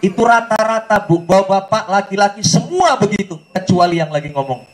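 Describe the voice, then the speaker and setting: A man with an Indonesian accent preaching a lively sermon to a congregation, joking and questioning his listeners, now and then breaking into song. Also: high voice, fairly quick, background noise. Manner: joking, questions the audience directly, sings snatches.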